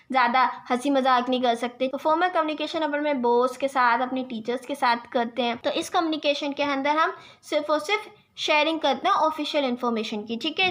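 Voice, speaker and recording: A young woman teacher with an Indian accent, reading English definitions slowly and explaining them in Hindi, asking herself quiz questions and answering them. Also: sits high, a bit bright. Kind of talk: exam-prep lecture.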